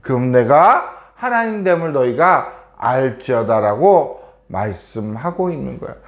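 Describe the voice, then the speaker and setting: Animated male pastor preaching to children. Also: sits high. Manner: animated storytelling, many questions to the children. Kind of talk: children's sermon.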